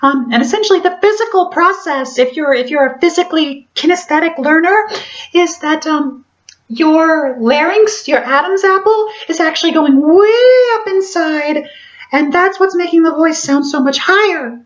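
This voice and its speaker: A woman voice coach speaking in a squeaky, chipmunk-like falsetto while demonstrating a vocal technique in a tutorial. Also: normal speed, dull audio. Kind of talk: voice training tutorial.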